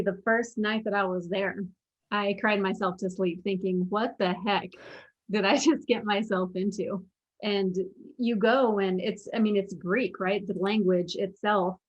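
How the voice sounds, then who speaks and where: Through dull audio comes a medium-pitched woman's voice: a young adult interview guest who earnestly shares her story and repeats her own earlier thoughts. She is a former professional basketball player and a mental performance coach.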